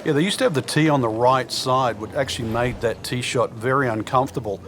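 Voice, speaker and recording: A man's voice: mid-range voice, fairly quick, a bit bright, natural voice. A man playing a seasoned golf color analyst in a video game, explaining things conversationally. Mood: explanatory. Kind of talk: video game sports commentary. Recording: crowd and outdoor noise behind. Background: crowd ambience, outdoor noise.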